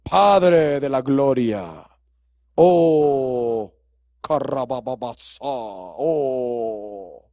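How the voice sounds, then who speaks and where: A man acting out a theatrical male worshipper, moaning and babbling loud, drawn-out prayers. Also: medium pitch, lively intonation, pitched below the performer's own voice. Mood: showy moaning.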